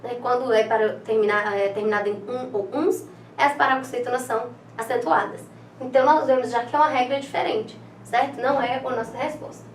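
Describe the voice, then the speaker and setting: A woman's voice: a little high, steady tone, brisk, roomy sound, distant mic, a little hiss or hum. A woman with a Brazilian Portuguese accent teaching an online exam-prep lesson. She talks in a chatty way, with many fillers, and ends her phrases with "né?".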